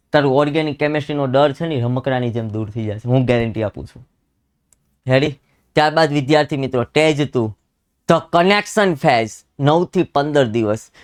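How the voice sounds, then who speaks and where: Emphatic Gujarati male chemistry teacher. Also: fairly high pitch. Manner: exhorting, scolding students, repeats phrases for emphasis. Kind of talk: energetic exam-prep lecture.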